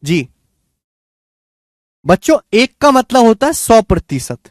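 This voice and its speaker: A man's voice: very high voice, sing-song, takes it slowly, no echo, clean studio sound. A man teaching a maths lecture, quizzing his students and repeating each answer. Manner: quizzes students, repeats answers, calls them children and friends. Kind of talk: classroom lecture.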